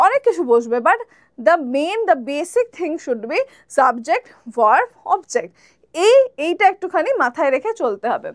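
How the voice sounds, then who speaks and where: A young woman from West Bengal with a Bengali accent, teaching spoken English in a video lesson, slowing down to model English phrases and often checking in with her viewers. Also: sits high, no echo, studio quality. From West Bengal, India.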